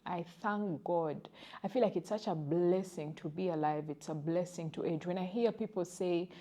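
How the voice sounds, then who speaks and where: A Ugandan woman in her thirties co-hosting a casual podcast. Her voice is mellow and a little low, and she speaks earnestly, slowing down to stress what she means. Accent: Ugandan English. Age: 30s. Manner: earnest, grateful, slow and deliberate at times. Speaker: podcast co-host. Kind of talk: casual chat.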